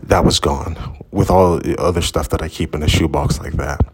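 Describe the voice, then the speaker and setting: A man's voice: a bass voice, steady tone, normal speed, darkish tone, a little hiss or hum. A man casually telling a story outdoors, rambling and candid, swearing freely. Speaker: vlogger. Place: outdoors at sunrise.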